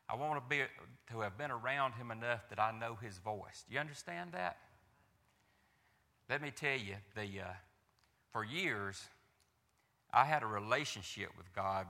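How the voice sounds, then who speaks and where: A man with a Southern drawl tells his faith story in an earnest, halting way, circling back with repeated phrases and questions to his listeners. His voice is gravelly yet bright and pressing, and it carries a long hall reverb. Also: on the low side. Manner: earnest, repetitive, with frequent restarts and rhetorical questions.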